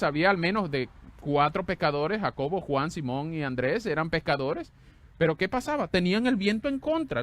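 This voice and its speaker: Male pastor, slightly high-pitched, animated sermon delivery that swings from exclamations to hushed lines. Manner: conversational, asks the congregation questions.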